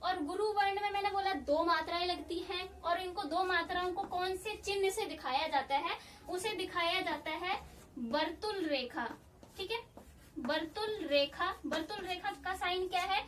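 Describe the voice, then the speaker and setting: A woman with a very high voice teaches a lesson step by step, repeating each point so it sinks in. She sounds a little distant from the microphone, with faint background noise. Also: moderate pace, fairly bright tone. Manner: patient, repeats key points, often says "theek hai". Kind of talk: Hindi grammar lesson.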